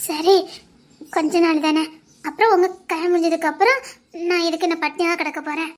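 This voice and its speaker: A woman playing a shy, poor young village girl in love, speaking softly with a southern Tamil Nadu accent. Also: extremely high pitch, fairly even intonation, brisk. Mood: tender. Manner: soft, bashful, pleading. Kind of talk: village romance drama acting.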